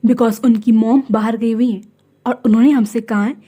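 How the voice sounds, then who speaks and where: A woman voicing a kind middle-aged father who speaks calmly and affectionately in a storybook. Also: fairly high pitch, moderate pace, breathy edge, pitched below the performer's own voice. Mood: gentle. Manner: calm, affectionate.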